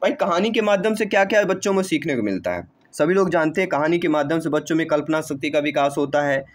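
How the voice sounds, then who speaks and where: A male coaching teacher works through exam questions, quizzing his listeners with rhetorical questions and repeating the answers. His voice sits a bit higher than most men's. He keeps calling the audience dear friends. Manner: addresses listeners warmly as dear friends and brother. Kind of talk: exam-prep lesson.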